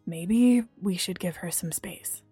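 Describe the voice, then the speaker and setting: A woman narrator voicing a calm young man who speaks low and hushed. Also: slow, breathy edge, dry recording, faint music behind, full character voice. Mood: apologetic.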